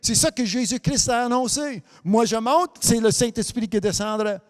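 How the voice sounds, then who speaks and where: Preaching in French, this pastor, whose first language is English, has a very high-pitched voice and fills gaps with amen and hallelujah amid halting restarts. At times his cadence rises into a sing-song, and a long reverb tail marks the church hall setting.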